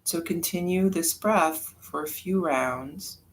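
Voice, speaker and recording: A yoga nidra instructor, medium in pitch, talks softly and unhurriedly through a guided meditation with extended pauses. The audio quality is poor.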